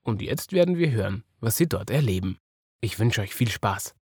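A man with an Austrian accent narrating a children's story in a lively storytelling manner. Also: fairly low pitch, normal speed. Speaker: podcast storyteller.

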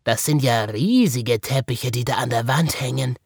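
A man voicing a hasty, excitable male toy hare in a children's story, with an Austrian accent and eager exclamations. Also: medium pitch, normal speed, creaky, husky, no echo, clean studio sound. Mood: excited.

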